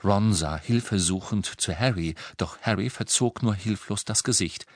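A man narrating a novel as an audiobook, with an expressive, dramatic reading. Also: fairly low pitch, normal speed, no echo.

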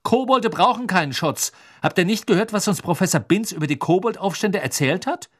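A man reading aloud plays a sharp, righteous teenage girl with a high, lively voice that scolds and lectures. The storybook reading swings widely in pitch as she argues. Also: normal speed, slightly rough. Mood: lecturing. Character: clever, indignant teenage girl, the schoolgirl Hermine.

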